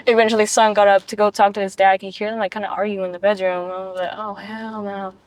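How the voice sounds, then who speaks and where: A woman's voice: mid-range voice, little pitch movement, fast, darkish tone, no echo. A woman as a guest on a talk show, telling a personal story in casual, blunt language and acting out what people said. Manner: blunt and profane, acts out quoted lines.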